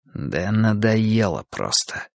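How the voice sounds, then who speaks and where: A man reading an audiobook, voicing a stubborn young male police sergeant who talks in a heated, halting way. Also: lowish voice, sing-song, vocal fry, dry recording, clean studio sound, heavily acted.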